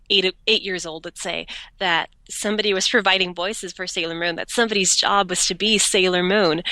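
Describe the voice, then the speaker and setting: A young woman guest on a podcast, bubbly and quick to laugh, with a stuffy, congested voice from allergies. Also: medium pitch, sharp tone, dry recording. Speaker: voice actress guest. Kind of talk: casual podcast interview.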